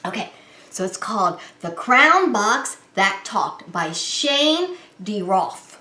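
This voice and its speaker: Her mid-range voice is bright, forceful, very animated, and slow as this preschool teacher reads a picture book aloud during story time and explains it simply and expressively to young children. Roomy indoor echo surrounds her.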